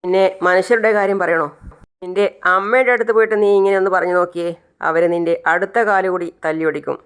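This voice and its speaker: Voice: medium pitch, fairly even intonation, quick pace, fairly bright tone, clear, resonant tone, close to an everyday voice. A narrator playing a distrustful older man who mocks and scorns the remorseful father in a retold serial. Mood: mocking. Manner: scornful, teasing.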